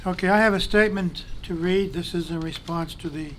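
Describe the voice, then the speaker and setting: The council president, a man with a high-pitched, slightly bright voice, reads a prepared statement into a desk microphone in a large chamber. His tone is formal and measured as he delivers pointed criticism, with a little hiss or hum on the recording.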